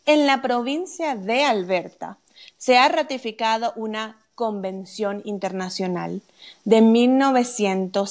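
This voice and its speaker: In a live Q&A chat, a female legal expert on wills answers listener questions step by step, frequently checking in with "ok?". Her voice is mid-range and a little mellow.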